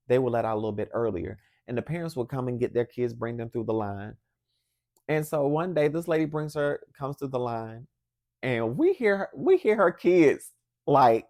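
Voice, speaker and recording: A woman hosting a podcast, telling a workplace story in an animated, laughing, casual way. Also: very deep voice. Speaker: podcast host.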